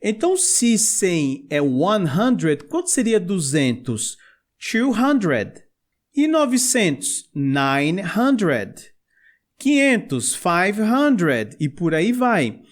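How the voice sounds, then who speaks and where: Slow, high-voiced Brazilian male teacher. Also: huge pitch swings. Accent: Brazilian Portuguese. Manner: explains step by step, asks for repetition. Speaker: English teacher. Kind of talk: video lesson.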